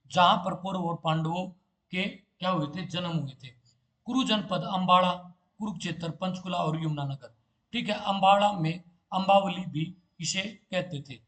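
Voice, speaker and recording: A man's voice: high voice, fairly bright tone. A man giving an exam-prep lecture, asking quiz questions and answering them himself. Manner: asks a question and answers it himself, "ठीक है" filler. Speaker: competitive exam teacher.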